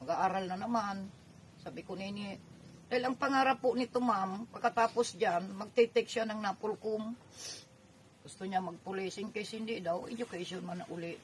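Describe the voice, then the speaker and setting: An older woman, a grandmother, tells her family's story in an earnest, tearful way. Her voice sits at a middle pitch, and she often slips into quoting her own past words. A faint noise runs behind her. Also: normal speed, poor audio. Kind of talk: emotional personal account.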